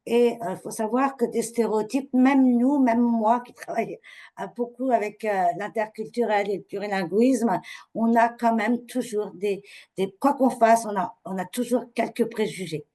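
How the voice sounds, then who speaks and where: A woman's voice: a little high, moderate pace, dark tone. A woman trainer giving a webinar lecture to teachers, hesitant, with many fillers and repeated words.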